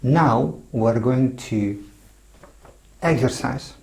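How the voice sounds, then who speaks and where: A man teaching a language lesson, slowly spelling words out letter by letter. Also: mid-range voice, gravelly, darkish tone, a little hiss or hum. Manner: slow, emphatic, spells letters out one by one.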